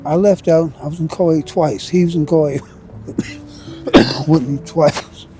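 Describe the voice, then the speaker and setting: A man's voice: a little high, fairly even intonation, slow pace, music in the background. A man who is a military veteran, answering a street interview in a blunt, aggrieved way and repeating himself, outdoors on a city street.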